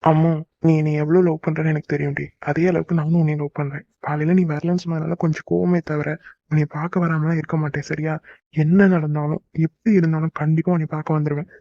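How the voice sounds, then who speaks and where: A man's voice: on the high side, level tone, fast talker, vocal fry, mellow, no room sound. Man voicing a tender young lover. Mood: soothing tender. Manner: soothing, teasing, affectionate. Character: gentle young man soothing his sweetheart. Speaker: voice actor. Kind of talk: cartoon love-story dialogue. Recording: dull lo-fi dry recording.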